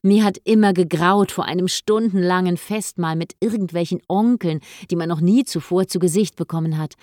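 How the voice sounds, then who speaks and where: A woman voicing an eager, adoring young man who is overjoyed to marry, speaking warmly and tenderly, in an audiobook. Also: on the low side, normal speed, no echo, studio quality, natural voice. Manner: warm and tender.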